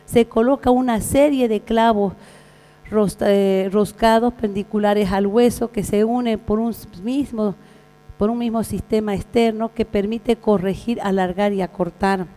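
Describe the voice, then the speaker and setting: A Bolivian woman, a veterinary surgeon, giving a conference lecture in a large hall, talking haltingly with frequent fillers and restarts. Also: medium pitch, fairly even intonation, mellow. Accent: Bolivian Spanish. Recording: reverberant hall with mains hum.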